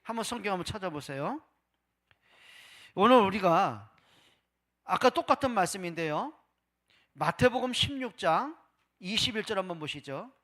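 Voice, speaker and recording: A male pastor preaching a Sunday sermon, asking rhetorical questions and voicing people's doubts, swinging between loud and hushed. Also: high-pitched, lively intonation, moderate pace, pauses often. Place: church service.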